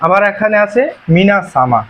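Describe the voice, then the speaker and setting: A man teaching a beginner language lesson, explaining slowly and repeating himself, with frequent "ah" fillers. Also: high voice, lively intonation, a bit bright, slight background noise. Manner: slow, repetitive explaining with many pauses and "ah" fillers. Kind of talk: classroom-style lesson. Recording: dull, muffled recording.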